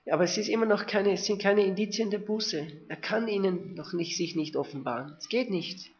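A preacher with a high, brisk voice reads a Bible passage aloud, commenting between verses and sometimes restarting his sentences. The recording is dull and lo-fi.

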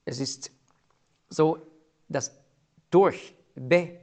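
Man, Bible teacher, slow deliberate delivery, fairly high voice. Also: dark tone. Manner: explains slowly and deliberately, stressing key words.

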